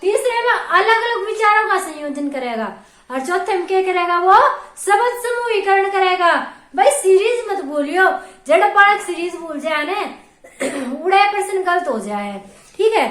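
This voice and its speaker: Haryanvi woman teacher, very high pitched, echoey room, slow repeated key terms. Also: expressive, fairly bright tone. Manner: explains by repeating key terms slowly, checks in with "ठीक है". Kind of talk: exam-prep lecture.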